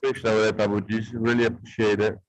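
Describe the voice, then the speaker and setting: On a relaxed video call, a guest participant from Poland in his forties gropes for words, his Polish accent clear and his speech hesitant. He has a fairly low voice and a flat, brisk delivery, captured in a dry, rough recording.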